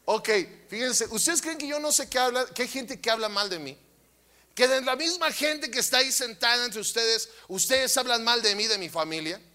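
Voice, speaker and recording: A man with a Mexican Spanish accent, preaching a sermon who acts out voices and then shouts at the congregation. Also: very high voice, normal speed. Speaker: pastor.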